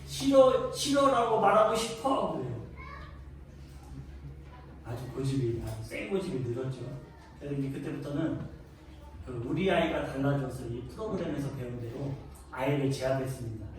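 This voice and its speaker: A man's voice: medium pitch, moderate pace, pauses often. A man preaching a sermon as a pastor, telling a family story in an earnest way that rises to emphatic peaks. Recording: echoey church hall, distant mic, faint noise.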